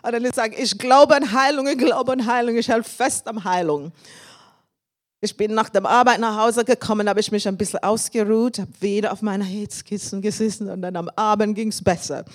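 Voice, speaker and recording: An English-accented woman in her fifties delivers a sermon in her second language. She speaks with grateful warmth, breaks into laughter and calls out praise. Her pitch sits in an ordinary middle range for a woman. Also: steady tone, normal speed. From England. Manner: warm and thankful, with frequent laughs and praise shouts. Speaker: guest preacher. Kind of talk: sermon with personal testimony.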